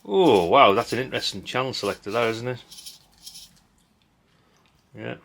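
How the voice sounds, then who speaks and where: Sorting through old parts on camera, this middle-aged hobby host offers unscripted, chatty commentary that wanders, stays blunt, throws in mild curses and ends lines with tag questions. He talks at normal speed in a medium-pitched, creaky, slightly bright voice.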